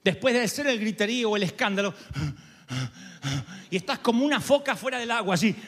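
A man preaching a sermon as pastor, lively and rhetorical, asking his listeners questions. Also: very high voice, fairly quick. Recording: long hall reverb.

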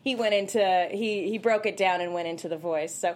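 A woman's voice: mid-range voice, fairly quick. A woman hosting a talk show, bubbly and chatty as she introduces the panel. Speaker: host.

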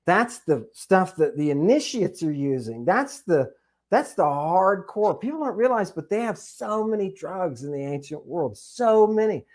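A man talking as a podcast guest, animated, with many fillers and questioning "right?" tags. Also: sits high, a little slow. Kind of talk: conversational podcast discussion.

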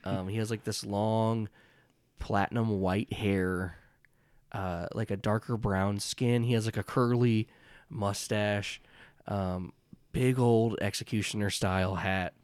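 A man working as game master, improvising tabletop narration in a casual, halting, descriptive way. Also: on the low side, fairly even intonation, a little mellow, clear, resonant tone, no room sound, clean studio sound. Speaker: game master and podcast host.

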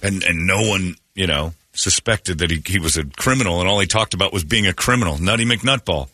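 Blunt, low-voiced man ranting. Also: a little fast, bright, forceful tone, dry recording, clean studio sound. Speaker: radio show host. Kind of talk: casual talk radio chat.

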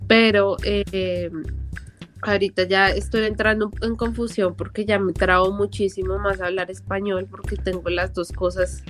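A woman's voice: mid-range voice, flat delivery, normal speed, soft background music. A young woman hosting a casual podcast chat, talking freely, agreeing often and laughing easily.

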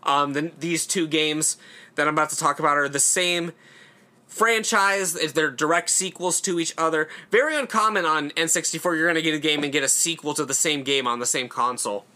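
On his own horror channel, a young man with a slightly high, brisk voice and sharp tone chats casually about games. His solo commentary wanders loosely, peppered with fillers and the odd curse.

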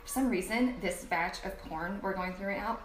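A woman's voice: mid-range voice, moderate pace, over music. A woman co-hosting a podcast in casual chat, laughing often as she talks, with an echoey room sound from a faulty mic setup. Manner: chatty, laughs often while talking. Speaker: podcast co-host. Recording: echoey room, faint noise.

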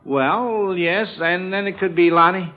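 This quiz show host speaks at a measured pace in a voice that sits high. He runs a children's quiz in the manner of 1940s radio, folksy and chuckling, frequently echoing the kids' answers, and the sound is muffled and narrow like an old broadcast.

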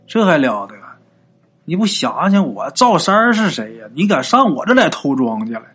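A man's voice: fairly high pitch, big pitch swings, normal speed, a bit bright, husky, faint music behind, heavily acted. A man voicing a boastful middle-aged village man who talks in a coarse, folksy way. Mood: boastful, spooked. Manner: coarse, swaggering folksy talk.

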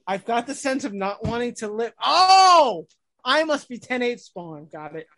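A woman's voice: a little high, expressive, normal speed, a bit bright, no echo. An American woman hosting a casual chat, telling stories with self-mocking humor. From United States. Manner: chatty, self-mocking storyteller.

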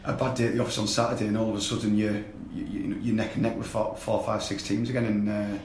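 A man with a croaky voice, a guest on a casual football podcast, talking haltingly with many repeated words. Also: lowish voice, a little hiss or hum. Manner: hesitant, repeats words, flat delivery. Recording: echoey room with faint ambience.

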